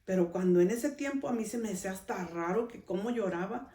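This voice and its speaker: A woman's voice: medium pitch, expressive, a little fast, dark tone, distant mic. A middle-aged woman, hosting a podcast and telling a personal story in a conversational way, often adding a questioning tag to her sentences. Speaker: podcast host. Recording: roomy sound, speaker off-mic.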